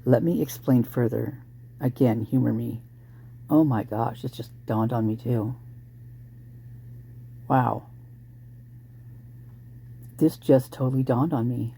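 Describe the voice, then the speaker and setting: A hoarse true crime commentator speculating casually and thinking aloud, breaking into exclamations at sudden ideas. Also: medium pitch, steady tone, slow, pauses often, dark tone.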